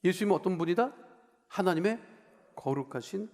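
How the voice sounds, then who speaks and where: A man preaching a sermon as pastor, talking conversationally, putting questions to the congregation and moving between raised emphasis and quiet asides. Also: sits high, lively intonation, a little fast. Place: church sanctuary. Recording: long reverb of a large church hall.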